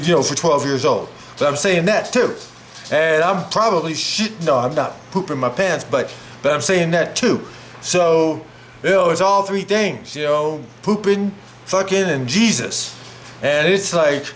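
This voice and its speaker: Slight background noise surrounds a fairly high-pitched middle-aged man who's cooking at home and casually rambling through a personal story. He's animated, leaning on "like" as a filler over and over.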